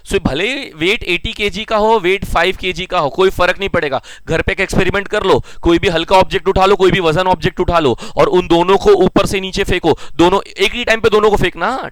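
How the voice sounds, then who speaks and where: तेज़ बोलने वाले युवा पुरुष शिक्षक, ऊँची आवाज़. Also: male voice, a little high, a bit bright, no room sound. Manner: conversational Hindi-English mix, poses and answers his own questions; says he talks fast. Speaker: science teacher. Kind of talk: classroom lecture.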